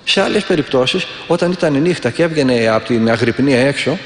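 A man's voice: mid-range voice, animated. A man, an Orthodox monk, giving a sermon and telling stories with earnest, vivid delivery and repeated prayers. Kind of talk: sermon with storytelling. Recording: echoey, reverberant hall.

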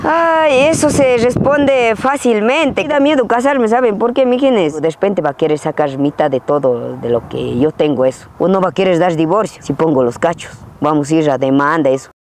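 Hosting a casual Q&A vlog out on a rural hillside, a young man speaks at a moderate pace with hardly any pauses, his voice sitting high. He's playful, teasing and slangy toward a camera a few feet away. Passing vehicles and outdoor ambience are audible.

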